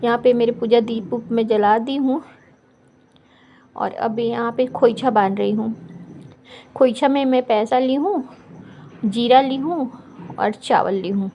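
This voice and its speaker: A woman vlogger narrating her video in a fast, chatty voice-over, with frequent fillers. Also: a little high, highs cut off, slight background noise. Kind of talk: casual vlog voice-over.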